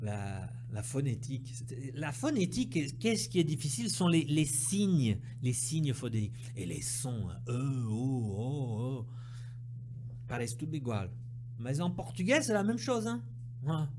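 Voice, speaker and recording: A man's voice: mid-range voice, big pitch swings, measured pace, noisy background. A man teaching French, going through exercise answers and drilling sounds by repeating words and checking understanding. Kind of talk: language lesson, correcting exercises.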